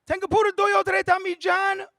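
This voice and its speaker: A man voicing an older widowed woman, shouting into a radio call-in line. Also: very high voice, completely flat delivery, normal speed, vocal fry, no room sound, studio quality, voice pushed up, heavily acted. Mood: insistent. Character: elderly widowed woman caller, loud and pushy.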